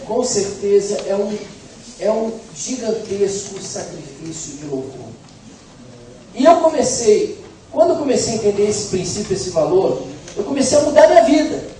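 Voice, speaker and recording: Preaching in a church hall, a middle-aged man from Brazil tells stories in a humorous, conversational way. His high voice has a sing-song quality and moves at normal speed. He was recorded from a distance in an echoey hall, with faint noise present.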